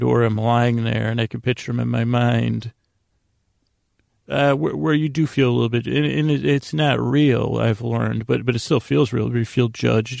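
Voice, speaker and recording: A podcast host with a gravelly, creaky, mid-range voice that sounds a little mellow rambles through a comedic monologue, halting, meandering and self-deprecating. The studio recording is clean with no echo.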